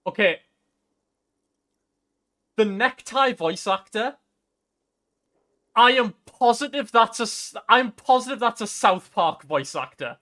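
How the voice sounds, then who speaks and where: A man giving chatty, excitable let's-play commentary, reading game dialogue and joking aside. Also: very high voice, slow, long pauses. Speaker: gaming streamer.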